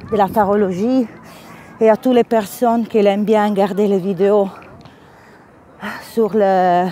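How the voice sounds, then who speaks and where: A woman speaks French with a foreign accent, as French is not her first language, in an informal spiritual vlog monologue where she searches for words. A spiritual vlogger and energy healer, she has a mellow, medium-pitched voice, and slight hiss or hum is audible.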